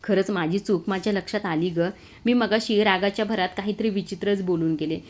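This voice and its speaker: A woman's voice: mid-range voice, brisk, close to an everyday voice. Woman voicing an eager young daughter. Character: impulsive young adult daughter.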